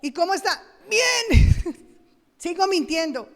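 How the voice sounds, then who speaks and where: A middle-aged Colombian woman delivering a sermon from the pulpit, her voice pitched high. She is animated, acting out everyday dialogues and laughing at herself. The recording carries a long reverb from the church hall. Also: moderate pace. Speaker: pastor.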